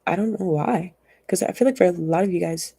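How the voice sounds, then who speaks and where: A woman's voice: lowish voice, brisk, vocal fry, dark tone, breathy edge, no echo. A young woman giving a casual tarot reading, chatty and rambling, laughing often and acting out what people might say. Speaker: tarot reader.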